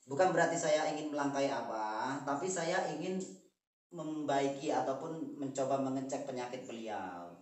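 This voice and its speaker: A man playing a healer in a staged skit, politely trying to calm an angry shaman. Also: medium pitch, normal speed. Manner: placating, polite, repeatedly calming. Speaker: spiritual healer. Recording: echoey room, far from the mic.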